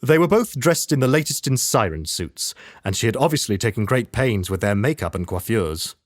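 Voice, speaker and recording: A male voice actor giving measured, expressive scripted narration and ad reads, recorded in a studio. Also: mid-range voice, dry recording. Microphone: studio microphone.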